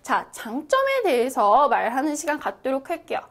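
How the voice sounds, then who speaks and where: Lively high-voiced woman teacher. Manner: lively, encouraging, checks in with "right?" often; reads English phrases very slowly for repetition. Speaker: English interview teacher. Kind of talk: online English lesson.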